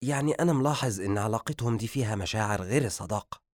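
Give me a man playing a thoughtful, observant brother in an Egyptian audiobook. His speech is calm and a bit quick, and the sound is dry. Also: lowish voice, no echo, natural voice.

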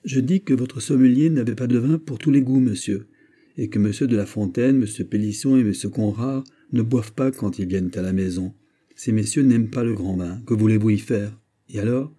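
A man's voice: on the low side, fairly quick, warm tone, lightly acted. A man voicing a disdainful steward. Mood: explaining. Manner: tranquil, faintly scornful. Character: calm, disdainful male steward.

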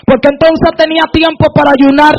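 A woman preacher delivering a fervent sermon, often breaking into shouted praise. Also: high-pitched, level tone, brisk, muffled recording.

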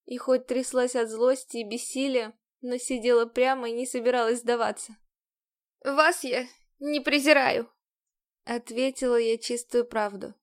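Brief: female audiobook narrator, first person, measured delivery, slightly high voice. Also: little pitch movement, a little mellow.

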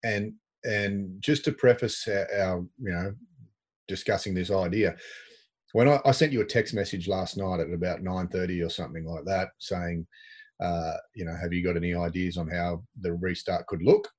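Husky Australian man with dry humour. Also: low-pitched, steady tone, normal speed. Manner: dry, self-deprecating humour. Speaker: podcast co-host. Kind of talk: casual sports podcast chat.

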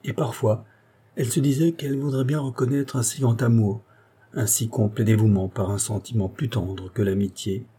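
Mellow, husky-voiced male narrator. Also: on the low side, normal speed. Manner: steady, expressive literary reading. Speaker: audiobook narrator. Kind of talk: reading a classic novel aloud.

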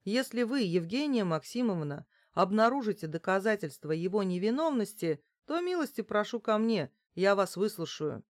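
A woman's voice: medium pitch, sing-song, normal speed, few pauses, no room sound, lightly acted. Brief: woman reads a grudging male investigator for an audiobook, curt, dry close sound. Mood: stubborn. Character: stubborn grumbling male investigator, middle-aged.

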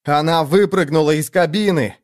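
Guy voicing a yelling cornered young dude, high and strained, audiobook. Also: moderate pace, natural voice. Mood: furious. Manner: shouting, strained. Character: desperate young man, furious and cornered.

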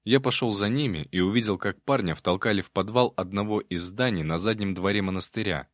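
A man's voice: fairly low pitch, brisk, dry recording. A man narrating an adventure story in the first person, with a dry, wry tone. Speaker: audiobook narrator.

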